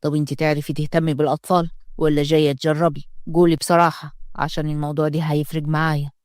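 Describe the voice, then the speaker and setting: A woman's voice: low-pitched, flat delivery, rapid-fire, darkish tone, dry recording, clean studio sound, voice pushed down, lightly acted. A woman voicing a proud, stern young nobleman with an Egyptian accent, curt and arrogant.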